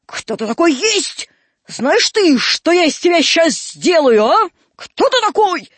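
A woman voicing a gruff one-eyed old male waterworks keeper in a storybook reading, hoarse and scolding. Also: very high voice, sing-song, slow pace, no room sound, voice pushed up, heavily acted. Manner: shouting and scolding.

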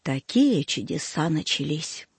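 Male audiobook reader, husky and high-pitched, folksy plaintive first-person tale, close dry recording. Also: sing-song, unhurried, no echo.

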